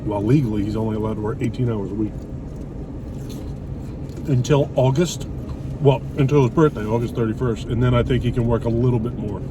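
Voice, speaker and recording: Over loud traffic and car noise on a distant mic, a middle-aged vlogger eats a meal with his wife and chats casually. He speaks in a mid-range voice, a little fast with frequent pauses, and is blunt and opinionated with a bit of swearing.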